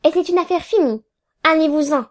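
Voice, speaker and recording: A woman voicing a stern, curt middle-aged male lawyer who barks clipped rebukes in a raised, higher voice. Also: lively intonation, normal speed. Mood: severe. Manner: clipped, commanding, sharp rebukes.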